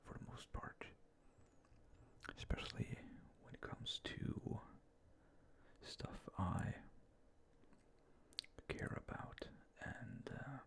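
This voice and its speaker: This ASMR creator, a man, murmurs in a hushed whisper that's breathy and a bit creaky, right up against a close ASMR mic with a fluffy cover. He rambles casually, moving slowly and hesitantly, in a mindful and self-effacing way.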